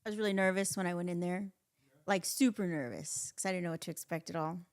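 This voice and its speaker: A woman's voice: lowish voice, quick pace. A woman in her thirties, a band member guest in a casual interview, upbeat and repeating phrases for emphasis. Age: 30s.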